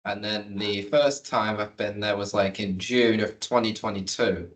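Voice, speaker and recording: A man's voice: on the low side, fairly even intonation, unhurried, slight background noise, rough recording. A young man, a student giving short, terse answers in an interview. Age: young adult. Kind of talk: casual interview chat.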